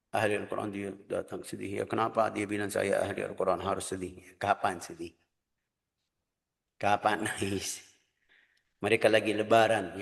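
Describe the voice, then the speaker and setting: Casting: male preacher, earnest and animated, long hall reverb. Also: lowish voice, vocal fry. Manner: earnest, lively preaching with quoted voices. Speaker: religious teacher. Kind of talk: Quran study lecture.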